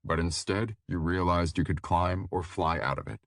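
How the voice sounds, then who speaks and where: A man's voice: sits low, moderate pace, dry recording, studio quality. A man reading an earnest young male seer in an audiobook, speaking urgently and seriously. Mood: explaining.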